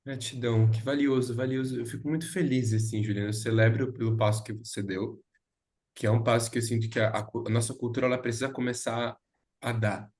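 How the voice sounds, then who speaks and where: A man hosting a conversation, gentle and affirming toward his guests. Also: medium pitch, flat delivery, fairly quick. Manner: gentle, affirming, laughs easily. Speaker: podcast host.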